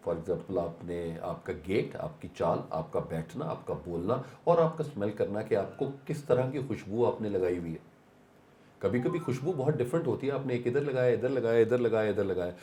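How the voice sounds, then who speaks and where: A man gives a motivational seminar talk in a low, mellow voice. He slips English phrases into his speech and asks the audience rhetorical questions. The sound is echoey, as in a hall. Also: animated, a little hiss or hum. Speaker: seminar speaker.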